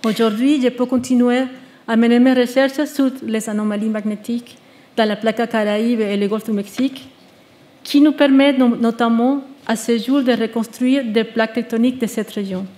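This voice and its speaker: A woman, reading a prepared testimony on stage in a measured, earnest way, with small restarts. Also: fairly high pitch, steady tone, warm tone. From Venezuela. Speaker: exiled researcher giving a testimony. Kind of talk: prepared speech read to an audience. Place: stage at a live public event.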